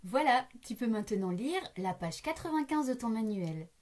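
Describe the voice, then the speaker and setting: A woman with a slightly high, slightly mellow voice speaks at a moderate pace with lively intonation. She's a primary school teacher recording a lesson for young children, patiently splitting words into syllables and addressing the child directly.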